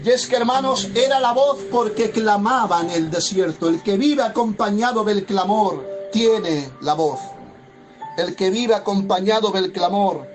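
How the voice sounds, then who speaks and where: In an unhurried sermon, a pastor with a high, resonant voice preaches passionately, using repetition to stress his message. Soft, clearly plucked guitar music accompanies him.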